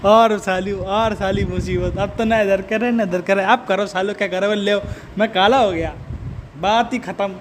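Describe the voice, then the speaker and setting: A man's voice: high-pitched, fairly even intonation, moderate pace, a little hiss or hum. A man delivering a profane, mocking comedic rant. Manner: abusive, mocking rant with frequent swearing. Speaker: comedic roaster.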